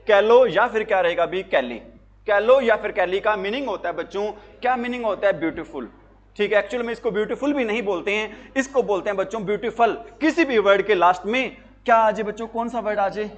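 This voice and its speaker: A man's voice: high voice, lo-fi sound. A male teacher giving an exam-prep lesson to students, asking questions and answering them himself in a call-and-response way, with jokes and anecdotes. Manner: jokey, tells anecdotes.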